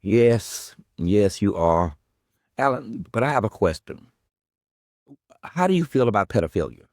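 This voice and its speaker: Low-voiced man delivering a needling, profane rant. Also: sing-song, measured pace, a little mellow, no echo, clean studio sound. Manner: sarcastic, profane, needling, repeats questions. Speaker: podcast host. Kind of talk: confrontational monologue addressed to an absent guest.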